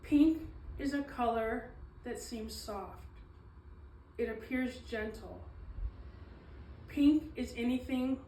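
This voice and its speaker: A woman giving a slow, earnest reading of her own poetry, pausing often with ums and apologies. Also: on the high side, mellow, slight background noise. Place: small event space, indoors. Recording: echoey room, mic at a distance.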